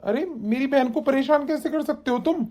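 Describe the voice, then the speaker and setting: A woman voicing a caring young elder brother in an animated family story, concerned and questioning. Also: mid-range voice, moderate pace, close to an everyday voice. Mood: angry. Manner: concerned, questioning, raises voice when upset.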